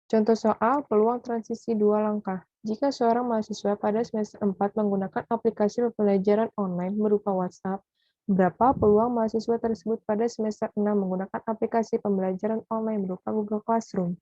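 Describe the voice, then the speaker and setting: A young woman, a student presenter, reading worked probability examples aloud in a measured way. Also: medium pitch, little pitch movement, mellow, no echo. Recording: dull lo-fi dry recording.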